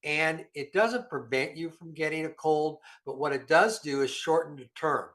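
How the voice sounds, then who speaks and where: A middle-aged show regular with a fairly high, fairly bright voice talks at a moderate pace, sounding slightly nasal from a cold. He chats casually about health supplements in a rambling, folksy, self-deprecating way.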